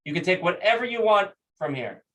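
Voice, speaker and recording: A man's voice: high voice, expressive, brisk, fairly bright tone, a little hiss or hum. A man doing an ancient Roman emperor.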